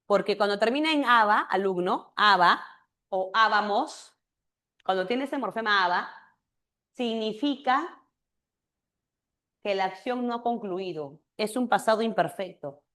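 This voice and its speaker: A woman teacher giving a grammar lesson, acting out little dialogues and slowing down to stress example words. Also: medium pitch, bright, forceful tone. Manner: acts out imagined student dialogues with quoted examples; checks understanding with tag questions. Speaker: language teacher.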